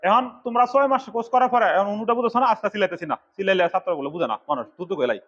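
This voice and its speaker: A middle-aged man from Bangladesh lectures his computer class at a rapid clip, his voice sitting fairly high. He scolds and urges the students in turn. The recording is dull and lo-fi. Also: very animated, fairly bright tone. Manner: fast, scolding and exhorting. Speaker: computer course instructor.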